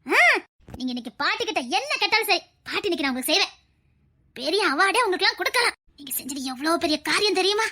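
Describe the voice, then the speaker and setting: A woman's voice: extremely high pitch, expressive, fast, sharp tone, full character voice. A woman playing a proud, loving elderly grandmother who speaks with a Tirunelveli Tamil accent in a comedy skit, sentimental and preachy. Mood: praising.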